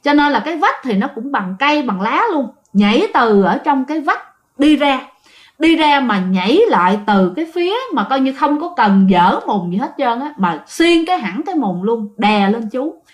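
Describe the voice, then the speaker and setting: A woman narrates a ghost story as casual talk. Her voice sits high, and she keeps turning to her listeners as she goes. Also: lively intonation, moderate pace. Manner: chatty, addresses listeners directly.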